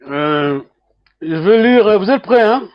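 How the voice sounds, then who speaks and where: A man teaching a live-streamed language lesson, reading aloud slowly, switching languages and laughing often. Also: sits high, expressive, highs cut off.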